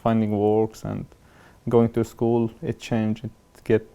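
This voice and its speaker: Young man, dark gravelly tone, hesitant interview answers. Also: on the low side, completely flat delivery. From Syria. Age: 20s. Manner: halting, searching for words with many fillers. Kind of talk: documentary interview.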